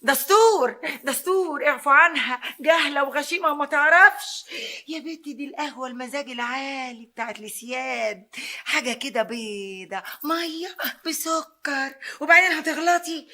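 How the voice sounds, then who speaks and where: A woman's voice: high voice, steady tone, normal speed, bright, forceful tone. An actress with an Egyptian Arabic accent playing a scheming folk-magic woman who talks in a theatrical, cajoling way in a TV drama. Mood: cajoling, sly. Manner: theatrical, cajoling, invokes spirits. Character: scheming folk-magic woman, middle-aged female fixer. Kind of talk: TV drama acting.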